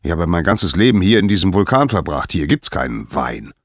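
A man voicing a gruff, proud male smith god in a storybook reading, speaking plainly and low. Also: big pitch swings, fairly quick, no echo, clean studio sound, exaggerated voice.

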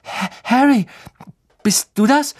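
A man's voice: very high-pitched, slow pace, darkish tone, voice pushed up, full character voice. A man voicing a stammering, panicky teenage boy in an audiobook, stuttering and breathless. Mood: flustered.

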